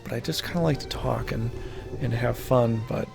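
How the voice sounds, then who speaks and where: Young man, gaming streamer, gravelly, rambling casual chat, faint music. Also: mid-range voice, moderate pace. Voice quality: rambling, self-deprecating, gravelly. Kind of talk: casual late-night gameplay chat. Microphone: desk microphone.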